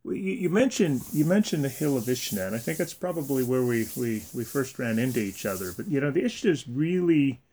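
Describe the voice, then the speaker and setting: A man's voice: medium pitch, expressive, brisk, hardly any pauses, dark tone. A man hosting a casual interview, feeling his way into questions with repeated words. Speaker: interviewer, host.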